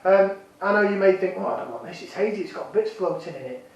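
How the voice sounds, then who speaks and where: A man's voice: high voice, expressive, fast talker, far from the mic, muffled recording. Chatty man in an echoey room. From Yorkshire, England. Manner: chatty, jokey, self-deprecating. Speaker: beer reviewer. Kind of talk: casual vlog review.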